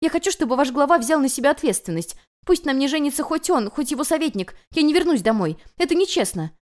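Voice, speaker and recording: Brief: a woman doing a high, tearful young noblewoman, indignant and swinging wildly in pitch. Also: big pitch swings, fairly quick, a little mellow. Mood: stubborn. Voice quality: high, shrill and pleading.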